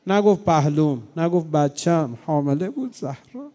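A man preaching a mourning sermon, swinging between loud cries and low, grieving tones. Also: lively intonation. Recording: long hall reverb.

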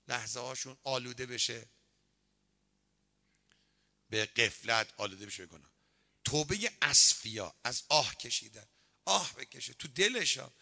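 A man preaching a sermon, telling stories and acting out the quoted dialogue in an animated way. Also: medium pitch, gravelly. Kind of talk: sermon with storytelling.

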